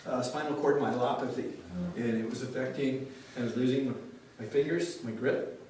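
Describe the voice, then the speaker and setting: At a story-slam in a large hall, an older dentist tells a live audience a candid personal story, earnest and wry, sometimes swearing for emphasis. His medium-pitched voice is fairly even and at normal speed. The hall is echoey, he sounds distant, and there's background noise.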